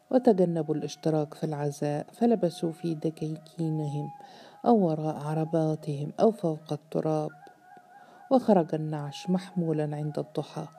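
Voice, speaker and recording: A woman narrating a novel as an audiobook, in a steady, measured storytelling voice. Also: sits low, slight background noise.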